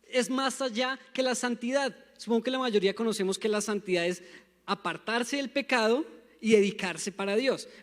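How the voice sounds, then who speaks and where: A young man with a Bogotá Colombian accent preaches from the pulpit, his voice sitting unusually high for a man. He speaks emphatically and calls on the congregation to repeat words back. The sound rings with a long church hall reverb. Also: moderate pace. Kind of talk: sermon. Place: church sanctuary.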